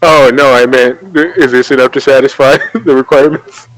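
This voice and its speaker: A man's voice: medium pitch, steady tone, moderate pace, a little hiss or hum, rough recording. A man playing in a tabletop game, casual and playful. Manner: playful, laughs often. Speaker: player.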